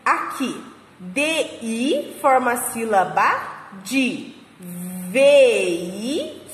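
Slow, lively Brazilian teacher woman. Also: fairly high pitch. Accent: Brazilian Portuguese. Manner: spells out syllables slowly and patiently, coaxing. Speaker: kindergarten teacher. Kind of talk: slow phonics lesson for small children. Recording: echoey room with long reverb.

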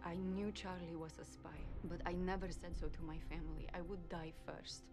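Actress as young Russian female suspect, earnest, measured, lowish voice, crime drama. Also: steady tone, music in the background, natural voice. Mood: earnest, pleading. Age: young adult. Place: interrogation room set, indoors.

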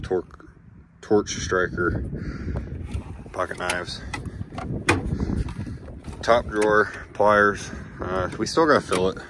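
A man giving a casual walkaround tour of his farm truck outdoors, listing tools with many hesitations, recorded on a handheld phone. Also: sits low. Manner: rambling, listing items with many "uh"s. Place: outdoors by a pickup truck, phone camera in hand. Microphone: handheld phone camera. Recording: noisy outdoor phone audio.

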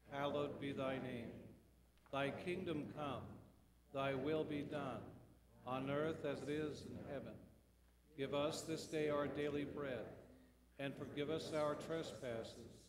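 In a church sanctuary mid-service, a man with a mid-range voice leads worship as pastor, delivering liturgical prayer solemnly and deliberately, one phrase at a time. He sounds distant, and long church reverb makes his voice ring like in a cathedral.

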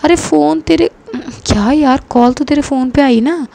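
A woman doing a calm, coaxing young woman. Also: sits high, normal speed, creaky, voice pushed up.

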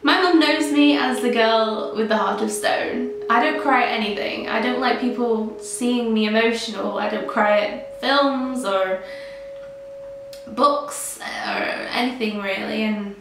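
A woman's voice: on the high side, a little slow. A young woman speaking earnestly and reflectively about her life as a gamer, to camera. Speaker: gamer interviewee. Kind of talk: personal testimony to camera. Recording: echoey room, distant mic, faint noise.

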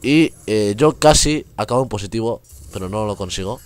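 A young man talks his viewers through a shooter match in a relaxed, rambling way. His voice sits a little low and sounds clean and smooth. The recording is close and dry. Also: normal speed, no echo. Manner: chatty, rambling, laughs often. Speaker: gaming youtuber. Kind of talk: casual gameplay commentary.

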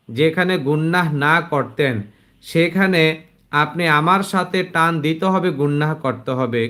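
A man with a Bangladeshi Bengali accent teaching an online Quran class to adult students, explaining plainly and reciting verses slowly. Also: on the high side, sharp tone.

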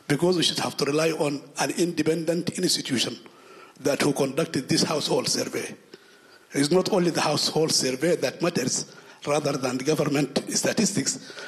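A man, from Sudan, asking a long question in a conference hall, stumbling over repeated words. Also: fairly high pitch. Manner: halting, many repeated words and restarts. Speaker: audience member asking a question.

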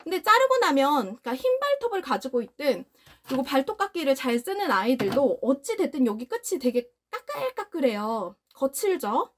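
Young woman, high bright voice, very animated pitch, casual pet product demo, coos to her dog. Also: normal speed, slight background noise. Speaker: dog owner demonstrating pet grooming product.

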